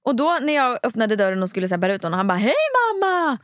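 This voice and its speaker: A woman co-hosting a casual chat, telling stories animatedly and swearing freely, acting out her children's shouts. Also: medium pitch, expressive, clean tone, dry recording, studio quality. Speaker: podcast co-host, mother of young children.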